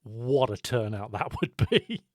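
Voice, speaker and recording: A man's voice: medium pitch, animated, unhurried, no room sound, studio quality. A man with a British accent hosting a podcast in casual, conversational chat. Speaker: podcast host.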